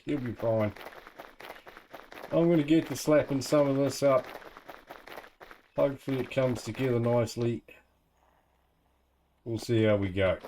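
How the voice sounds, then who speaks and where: A man's voice: mid-range voice, dark tone, a little hiss or hum, rough recording. A man with a New Zealand accent giving casual, laid-back gameplay commentary, thinking aloud in colloquial speech. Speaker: gamer narrating own let's play.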